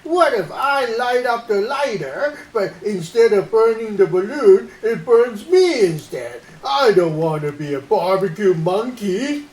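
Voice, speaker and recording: A woman voicing a timid, science-loving monkey uncle in a children's puppet show, telling stories with deliberate expression. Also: mid-range voice, sing-song, darkish tone, slightly rough, poor audio. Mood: anxious. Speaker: storyteller and co-host.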